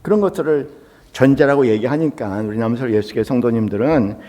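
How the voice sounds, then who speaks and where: A male pastor delivers a sermon in a relaxed, conversational manner and tells stories with acted-out voices. His voice sits at a middle pitch for a man, and the long reverb of a church sanctuary trails behind each phrase. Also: quick pace. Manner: conversational storytelling, acts out quoted voices. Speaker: senior pastor.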